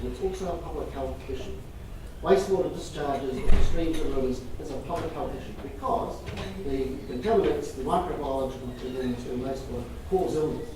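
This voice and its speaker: Male presenter, measured and emphatic through repetition, distant mic in a reverberant, noisy room. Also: mid-range voice. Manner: measured, repeats phrases for emphasis. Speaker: presenter taking audience questions. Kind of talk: public talk with audience questions.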